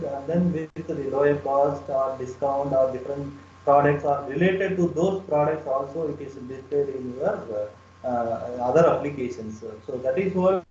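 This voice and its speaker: A man with an Indian accent lectures on a technical topic over an online call. His voice is soft-edged and mellow. The sound is distant and echoey, as he explains things step by step. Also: on the high side. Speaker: webinar presenter, engineering lecturer. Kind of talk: technical lecture and question answering. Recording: echoey, dull, distant webinar audio, faint noise.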